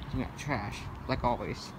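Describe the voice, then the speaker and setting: A man's voice: mid-range voice, a little slow. Casual man exploring outdoors. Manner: offhand, short remarks while walking. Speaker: urban explorer vlogger. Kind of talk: casual walkthrough narration. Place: outdoors in an empty parking lot. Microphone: handheld phone camera. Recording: loud outdoor traffic noise.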